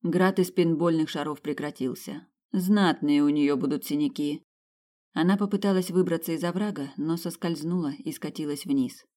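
An audiobook narrator with a mid-pitched voice, reading a thriller in an even, measured way. The delivery stays steady and controlled. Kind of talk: scripted narration.

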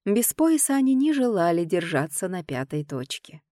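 A woman reading a first-person audiobook in a lively, expressive way. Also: on the low side, normal speed, no room sound, studio quality. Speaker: audiobook narrator.

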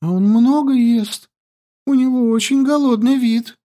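A man's voice: very high voice, steady tone, measured pace, dark tone, voice pushed up. A male reader voicing a flighty, wide-eyed young woman from the capital who chatters and wheedles. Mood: chattery. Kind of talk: audiobook character voice.

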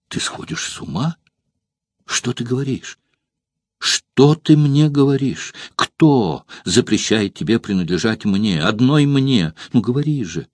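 A man's voice: medium pitch, expressive, unhurried, darkish tone, dry recording, voice pushed up. A man voicing a desperate young Roman noblewoman in love, pleading and close to sobbing. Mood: frightened pleading. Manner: pleading, on the verge of sobs.

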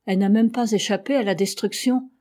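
A woman voicing a gentle, kindly old male ship's doctor in an audiobook, reading softly and sorrowfully. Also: medium pitch, a little fast, close to an everyday voice.

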